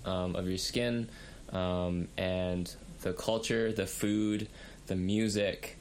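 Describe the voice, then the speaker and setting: A man's voice: sits low, steady tone, takes it slowly, slight background noise. A young man from Canada, talking in a hesitant way with many fillers during a casual discussion. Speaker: podcast co-host.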